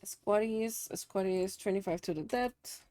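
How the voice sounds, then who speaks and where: A warm, mid-range voice at a measured pace, with no echo, belongs to a young woman whose first language is Spanish. She streams live, chatting casually with viewers, thanking them and muttering to herself as she works.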